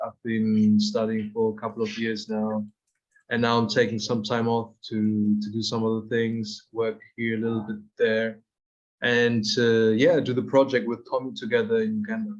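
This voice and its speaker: Casting: young man in his twenties, monotone and hesitant, dull call audio. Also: fairly low pitch, moderate pace. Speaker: permaculture project partner. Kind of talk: video call conversation. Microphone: video call.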